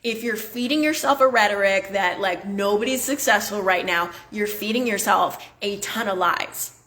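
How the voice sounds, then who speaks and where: A woman's voice: mid-range voice, moderate pace, pushed and bright. A woman hosting a motivational podcast, talking bluntly and emphatically, swearing casually and filling her talk with "like". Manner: chatty, many "like" fillers. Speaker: podcast host and business coach.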